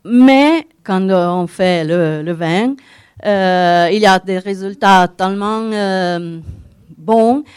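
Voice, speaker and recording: A woman with a noticeable Italian accent gives a presentation as a non-native speaker. Her delivery is slow and hesitant as she hunts for words. The voice is smooth and clear, captured close and dry. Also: mid-range voice, a little mellow, no room sound. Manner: halting, searching for words in non-native French. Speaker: winegrowers' association representative giving a talk. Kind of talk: conference presentation.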